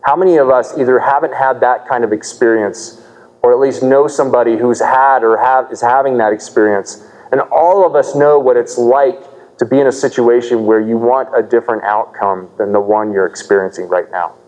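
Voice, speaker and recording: A man delivers an earnest sermon from the pulpit, unpacking a passage and asking his listeners questions. His voice is dark and mellow. It rings with the long reverb of a big church hall. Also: medium pitch, moderate pace. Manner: earnest, explanatory preaching with rhetorical questions. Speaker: pastor.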